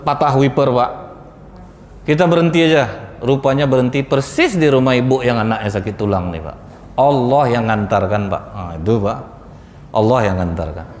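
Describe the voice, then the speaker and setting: A man's voice: medium pitch, darkish tone. A male preacher telling stories in a mosque sermon, often addressing the crowd as "Pak" and "Bu". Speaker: Islamic preacher. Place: large mosque hall. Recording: echoey mosque hall with faint noise.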